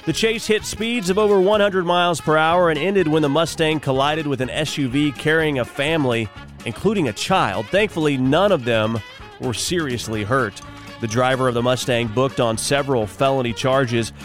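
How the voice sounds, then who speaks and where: A man's voice: mid-range voice, moderate pace, faint music behind. A man hosting a morning radio show in upbeat, folksy, exclamatory patter. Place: radio studio.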